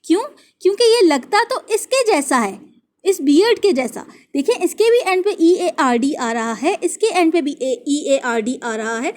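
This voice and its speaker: A woman teaching English spelling, who slowly repeats each word and spells it out letter by letter. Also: sits high, expressive, darkish tone. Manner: reads English verse lines slowly and deliberately. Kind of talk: classroom lesson explaining English spelling in Hindi.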